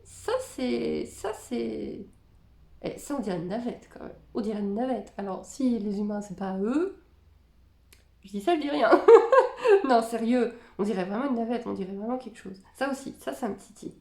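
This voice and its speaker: A spiritual content creator reacts to videos in a chatty, musing way, reading captions aloud before giving her take. Her voice is fairly high with vocal fry and a slightly mellow tone, at a normal speed, in an echoey room.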